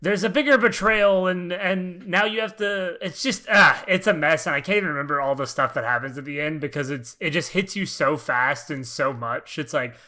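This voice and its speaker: A man co-hosting a podcast in casual chat, animated and exclamatory, piling up words when excited. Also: a little high, moderate pace, hardly any pauses. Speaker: podcast co-host.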